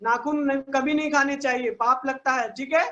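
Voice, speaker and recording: A woman's voice: sits high, steady tone, echoey room, muffled recording. A woman teaching an online class for children, patiently explaining step by step and checking often that the kids follow. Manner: patient, explains slowly, asks "ठीक है ना" again and again. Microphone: online video call.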